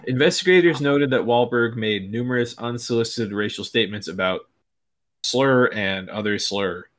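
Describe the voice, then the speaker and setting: A man's voice: mid-range voice, moderate pace, fairly bright tone. A man on a podcast, chatting casually and reading out facts in a dry way. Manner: dry, reads facts out, laughs often. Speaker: podcast co-host. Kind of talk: casual chat.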